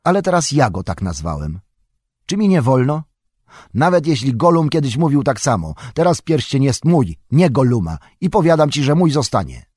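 A man voicing an irritable, possessive old male hobbit in an audiobook, in a higher, agitated voice. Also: animated, husky, no echo, clean studio sound. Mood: angry. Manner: higher, louder, quick and agitated. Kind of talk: audiobook character voice.

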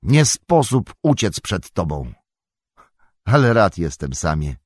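Man reading a calm, earnest young hobbit. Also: low-pitched, takes it slowly, no echo, studio quality, full character voice. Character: gentle young male hobbit, resolute master. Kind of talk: audiobook character voice.

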